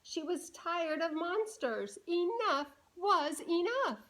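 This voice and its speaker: In a very high voice, a woman brings a storybook to life for young children, reading with deliberate animation and pausing to quiz her young audience.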